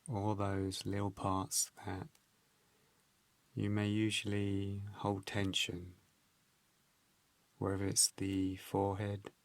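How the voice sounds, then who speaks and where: A man guides a meditation in a low-ish voice, giving calm instructions gently and without hurry, in measured phrases broken by pauses.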